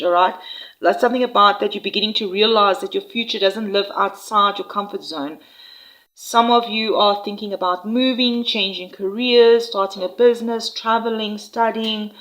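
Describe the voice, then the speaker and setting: A woman giving an intuitive tarot reading to viewers, speaking in an unhurried, reassuring way with frequent "all right?" check-ins. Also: medium pitch, a bit bright, poor audio. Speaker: tarot reader.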